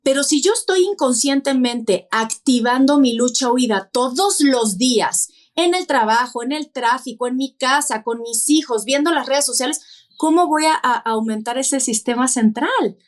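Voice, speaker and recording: A woman's voice: high-pitched, normal speed. A woman, a podcast guest who explains things step by step and poses rhetorical questions. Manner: didactic, lists points and asks rhetorical questions. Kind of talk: explanatory interview talk.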